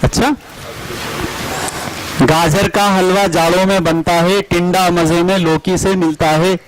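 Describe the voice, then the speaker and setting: Slow, deliberate man teaching spelling. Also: sits high, fairly even intonation, background noise. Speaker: teacher trainer.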